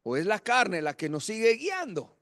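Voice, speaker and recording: High-voiced impassioned preacher. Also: male voice, wildly swooping pitch, moderate pace, dry recording, clean studio sound. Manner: impassioned, swinging from hushed to shouted. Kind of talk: sermon.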